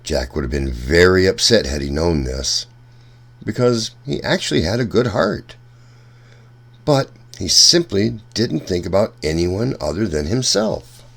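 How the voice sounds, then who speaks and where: A man reads a children's storybook aloud as a storytime host for young listeners, his low voice carrying lively, swinging intonation with some vocal fry. He takes it slowly and expressively.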